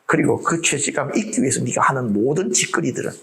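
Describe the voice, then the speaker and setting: A man preaching a sermon in an animated way, asking the congregation rhetorical questions and acting out the voices of the people in his story. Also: mid-range voice, quick pace, creaky, poor audio. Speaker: pastor.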